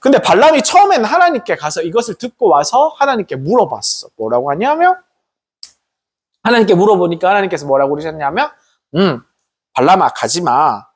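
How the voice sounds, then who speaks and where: A man preaches to students in a storytelling way, often asking them questions. His pitch swings widely as he tells the story. His voice has a husky grain. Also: quick pace. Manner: animated storytelling with questions to the audience. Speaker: pastor. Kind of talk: sermon to students.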